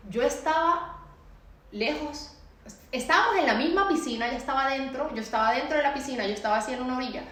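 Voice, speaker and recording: A woman giving an emotional personal testimony, repeating phrases and pleading in a low, shaken voice. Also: fast talker, a bit bright. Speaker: survivor telling her story. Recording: echoey room.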